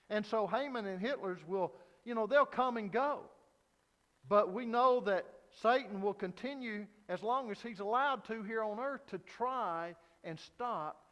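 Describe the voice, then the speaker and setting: A man's voice: high voice, a bit bright, long reverb tail. A man preaching an evening sermon at a pulpit microphone, telling a story earnestly with frequent hesitant fillers. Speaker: pastor.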